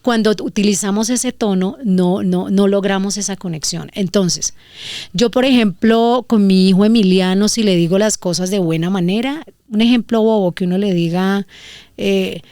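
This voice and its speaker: A woman in her forties with a Valle del Cauca Colombian accent, giving parenting advice in an animated, casual way. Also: medium pitch, normal speed, dry recording, clean studio sound. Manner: animated, acts out examples in voices. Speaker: guest parenting expert.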